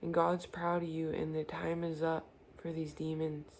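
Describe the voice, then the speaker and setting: Low gravelly woman reading tarot. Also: monotone, normal speed, a little mellow, a little hiss or hum. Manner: earnest, reassuring, addresses viewer directly. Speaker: tarot reader.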